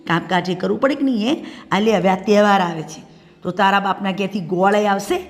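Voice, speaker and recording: Scornful family aunt berating a bride , played by a woman, mid pitch, echoey. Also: fairly quick, natural voice. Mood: sneering. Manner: sneering, scolding, threatening. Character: scornful middle-aged aunt taunting a poor bride. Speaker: paternal aunt of the groom. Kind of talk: family drama acting.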